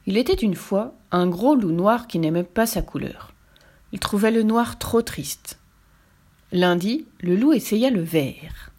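A woman reading a children's picture book aloud, slow and gentle, sometimes almost whispering. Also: mid-range voice, expressive. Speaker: storyteller.

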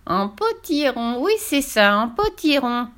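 A woman voicing a vain, furious old witch in a children's storybook reading, with theatrical, shrill, drawn-out gloating. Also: very animated, a bit bright, heavily acted.

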